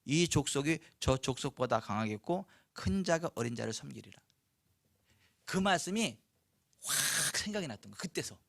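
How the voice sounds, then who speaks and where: A man with a fairly high voice preaching a sermon in a conversational way, often turning to the congregation with questions. He slows down and weighs his words when reading scripture. The sound is dry, with no room echo. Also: lively intonation, vocal fry, fairly bright tone. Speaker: pastor.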